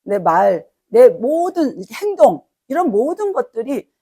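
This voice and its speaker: Lively woman pastor preaching. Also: on the high side, takes it slowly, husky. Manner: animated storytelling, acting out quoted dialogue. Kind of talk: sermon. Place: church sanctuary.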